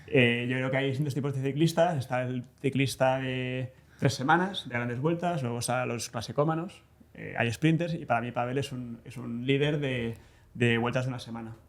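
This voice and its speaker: A man's voice: mid-range voice, steady tone, normal speed. Man, medium voice, eager, slangy, casual podcast chat. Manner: enthusiastic, slangy. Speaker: podcast co-host.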